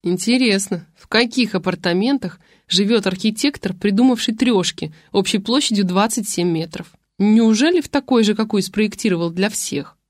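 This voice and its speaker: A woman narrating an audiobook in the first person with wry, even storytelling. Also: medium pitch, normal speed, hardly any pauses, no room sound, studio quality.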